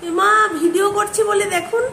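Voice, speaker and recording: A woman's voice: very high-pitched, normal speed, creaky, a bit bright, reverberant, slight background noise, rough recording. A woman filming her dog at home, talking to it in coaxing baby talk and explaining to her viewers. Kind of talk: casual pet vlog narration. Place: indoors at home.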